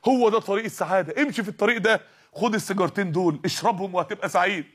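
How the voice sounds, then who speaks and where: A man voicing an insistent tempting inner voice in Egyptian Arabic that shouts in the listener's ear. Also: high voice, racing, breathy edge.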